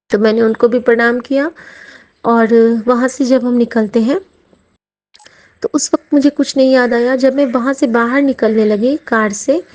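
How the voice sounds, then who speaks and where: A woman's voice: on the high side, darkish tone, dull audio. A middle-aged woman from Mithila, sharing a heartfelt devotional testimony and often addressing her listeners as sangat ji. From Mithila region, India.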